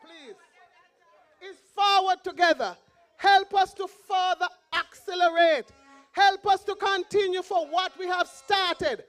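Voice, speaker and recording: A woman's voice: very high voice, steady tone, unhurried, faint music behind, some chatter behind. A woman with a Montserrat accent giving an impassioned, pleading rally speech as a political candidate, repeating her slogans.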